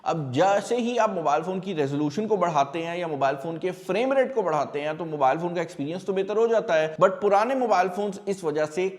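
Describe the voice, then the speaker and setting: A man's voice: high voice, animated, brisk, few pauses. Chatty man explaining phones, reverberant room. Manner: chatty, addresses viewers directly, explains with everyday examples. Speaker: tech video host. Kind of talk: casual explainer talk. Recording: long hall reverb.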